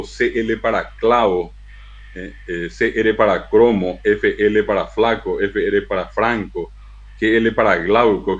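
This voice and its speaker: A man giving a university lecture on language, spelling out syllables slowly and with emphasis. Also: lowish voice, lo-fi sound. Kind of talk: lecture to an auditorium.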